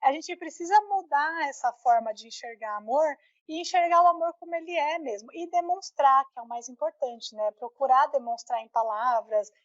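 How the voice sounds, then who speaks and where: A woman's voice: sits high, moderate pace, few pauses, no echo, lo-fi sound. A Brazilian woman co-hosting a podcast, chatting casually and emphatically with frequent tag questions. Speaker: podcast co-host. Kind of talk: casual conversational chat.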